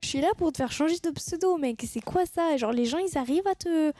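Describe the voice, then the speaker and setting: Woman, streamer, chatty, teasing, high voice, dry sound. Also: fairly quick, warm tone, no room sound, faint music behind. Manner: teasing, chatty, laughs at her own jokes. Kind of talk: casual live-stream chat with viewers.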